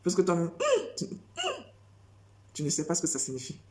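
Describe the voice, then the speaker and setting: Insistent woman preacher, low mellow voice. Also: normal speed, a little hiss or hum. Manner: insistent, repeats phrases and fires rhetorical questions. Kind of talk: sermon.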